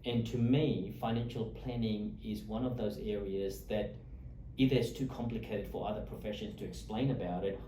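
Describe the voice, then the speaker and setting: Host role: a talkative, friendly man interviewing a guest, with a mellow tone, recorded a little away from the mic. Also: lowish voice, steady tone, moderate pace, a little hiss or hum. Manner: friendly, talkative with frequent fillers and restarts. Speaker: host, lawyer. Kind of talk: interview chat. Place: office or meeting room in Australia. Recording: echoey room, mic at a distance.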